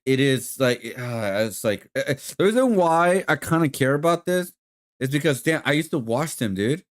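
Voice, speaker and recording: A man's voice: mid-range voice, clear, resonant tone. A man live-streaming in casual chat, rambling with lots of fillers and talking to his viewers as guys. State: hiccups.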